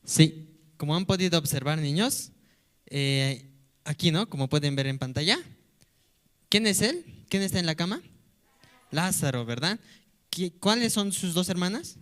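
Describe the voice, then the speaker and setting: A man's voice: on the high side, expressive, a little slow, pauses often, fairly bright tone. A man teaching a children's church lesson, playfully asking the kids question after question. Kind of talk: Sunday-school lesson for children.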